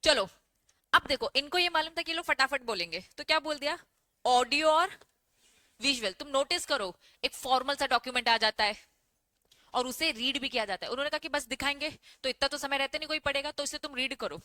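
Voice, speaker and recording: A woman teacher giving an online class, lively, putting questions to the class and answering them herself. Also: high voice, a little fast, no echo.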